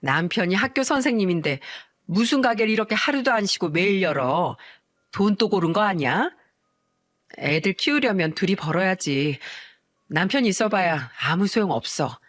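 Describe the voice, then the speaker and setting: A woman's voice: medium pitch, expressive, normal speed, fairly bright tone, no room sound, studio quality. A woman voicing a gossiping, envious middle-aged neighborhood woman in a told family story. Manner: chatty, envious.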